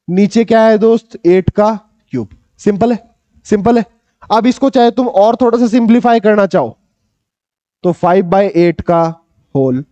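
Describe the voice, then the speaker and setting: Recorded dry and slightly lo-fi with a dull tone and no echo, a young man tutors a maths class, his voice pitched high. Energetic and coaxing, he echoes his students' questions and refers to himself as their big brother.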